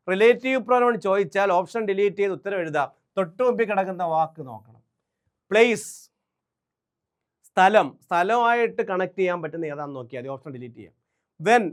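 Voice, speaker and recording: A man's voice: high-pitched, fairly bright tone. A man teaching English grammar for an exam, quizzing students and answering his own questions with emphasis. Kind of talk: exam-prep lesson.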